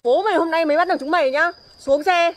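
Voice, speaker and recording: A woman's voice: extremely high pitch, rapid-fire. A woman playing an angry wife, scolding and berating her husband outdoors at night. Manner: shouting angrily, scolding. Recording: faint outdoor noise with crickets.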